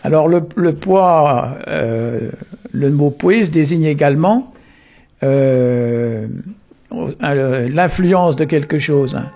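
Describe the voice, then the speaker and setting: A man, unhurried and full of tag words, explaining the origins of words. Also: on the high side, lively intonation, dark tone. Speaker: Breton language explainer. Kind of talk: explanatory talk on word origins.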